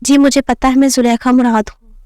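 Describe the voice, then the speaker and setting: A woman's voice: high-pitched, flat delivery, brisk, dark tone, dry recording, clean studio sound, natural voice. Shy dutiful young bride, read by a woman. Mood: earnest. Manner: polite, earnest replies.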